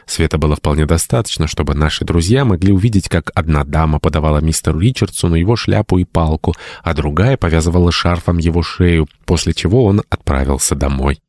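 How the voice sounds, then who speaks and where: A man narrates an old novel in a measured, storytelling manner. His voice sits very low and deep. The recording is dry and close, with no room sound. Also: a little mellow, no echo. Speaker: audiobook narrator. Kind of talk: scripted narration.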